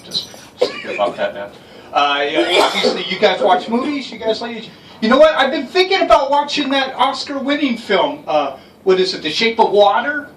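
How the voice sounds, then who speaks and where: Guy doing stand-up, high and animated, swears a lot, echoey far-off sound, noisy room. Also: normal speed. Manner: loose, profane, rambling riffs. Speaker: stand-up comedian. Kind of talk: stand-up set. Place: comedy open mic in a garage. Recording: roomy far-off live recording with noise.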